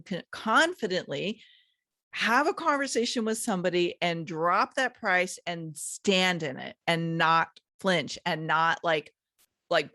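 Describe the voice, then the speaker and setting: A woman's voice: fairly low pitch, bright, forceful tone, dry recording, studio quality. A woman business coach talking as an interview guest, conversational and loose, with many "like" fillers. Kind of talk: casual interview chat.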